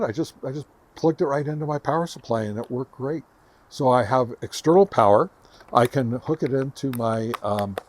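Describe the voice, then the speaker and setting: In his home radio shack, a man hosts a hobby review video, casually showing off and explaining gear. His mid-range voice has a darkish tone, and he is chatty and enthusiastic about the gadgets.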